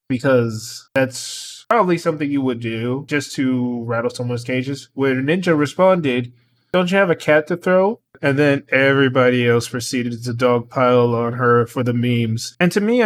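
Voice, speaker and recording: A man giving a casual, rambling commentary monologue about online drama, voicing his irritation. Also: medium pitch. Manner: rambling, opinionated. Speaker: commentary YouTuber.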